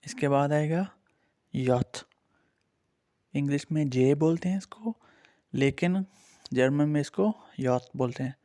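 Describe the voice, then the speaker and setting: A man's voice: a little high, mellow. Patient man teaching a language lesson. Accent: Urdu-influenced. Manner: patient, repeats each letter slowly for learners.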